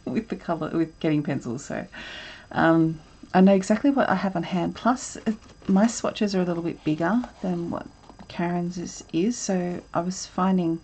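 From her desk at home, an art instructor leads a live drawing session in a low, darkish, slightly rough voice, talking a little slowly. She's chatty and rambling, frequently interrupting herself with ums.

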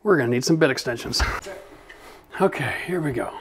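A middle-aged man hosts a DIY renovation video for his channel, explaining his work in a gutted bathroom in an upbeat, chatty way, swearing and laughing freely. His voice is medium-pitched, animated, and brisk, with a little hiss or hum in the recording.

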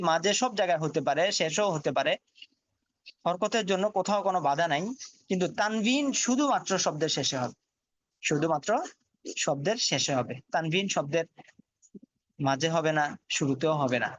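A man teaching a Quran reading lesson, slowly reciting and spelling Arabic letters aloud in a drilled rhythm. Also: fairly high pitch, fairly bright tone, dry recording, highs cut off.

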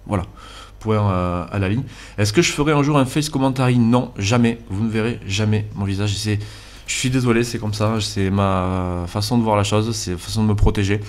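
A man's voice: on the low side, brisk, a little mellow. Earnest southwestern French man in his twenties. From Landes, southwest France. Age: 20s. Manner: earnest, hesitant with frequent "euh" fillers. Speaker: YouTube gaming channel host. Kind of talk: voice-over commentary over gameplay. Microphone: basic cheap microphone.

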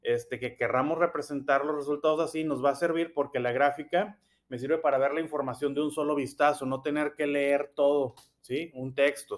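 A man's fairly high voice, teaching young pupils in a patient classroom manner. He goes over each point slowly and again, checking often that they follow. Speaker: primary school teacher. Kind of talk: explanatory classroom lesson.

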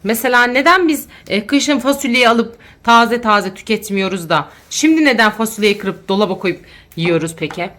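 Woman, 30s, mother hosting a family vlog, high voice, chatty, playfully scolding, home kitchen. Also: moderate pace, a bit bright. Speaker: mother and channel host. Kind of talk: casual family vlog, talking to viewers.

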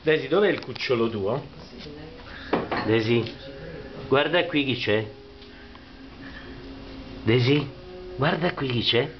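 A man's voice: medium pitch, takes it slowly, long pauses, noisy background. A man at home talking affectionately to his dog in cooing baby talk. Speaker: dog owner. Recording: dull lo-fi home recording with music behind.

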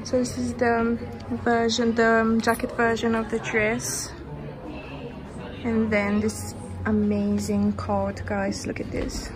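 Though her words gush with enthusiasm, the young woman's delivery is completely flat and slow, her voice on the high side. She's a fashion vlogger chatting casually to camera while shopping in a large department store and boutiques. The rough recording catches crowd noise and music from the busy store.

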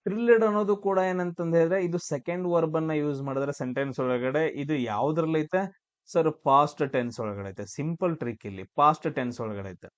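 A man's voice: a little high, a little fast, no echo, dull audio. A man teaching exam grammar, asking and answering his own questions. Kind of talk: classroom-style grammar lesson.

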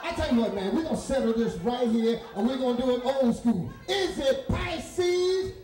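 Hype-man DJ from D.C., loud and joking, booming hall, mic heard from far off, thumping music and noisy crowd. Good for party MC work. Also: fast. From Washington, D.C. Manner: loud, joking, shouts calls and questions at the crowd. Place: large indoor party hall. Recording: echoey hall, taken from far off.

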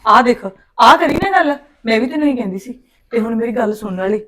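A woman's voice: fairly high pitch, animated, fast talker, a bit bright. An actress with a Punjabi accent playing a resentful young wife who scolds her husband in a family quarrel. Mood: scheming. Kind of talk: short film acting.

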